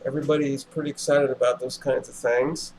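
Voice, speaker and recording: A man hosting a casual livestream, thinking aloud in a relaxed, musing way with many fillers. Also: mid-range voice, brisk, a little hiss or hum, low-quality recording. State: relaxed and yawning. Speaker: livestream host.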